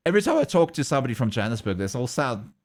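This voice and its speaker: A South African streamer and artist talks casually with his livestream viewers in a mid-range, sing-song, rapid-fire voice. His South African English accent carries traces of Australian and American. He rambles, chuckles often, and answers his chat directly.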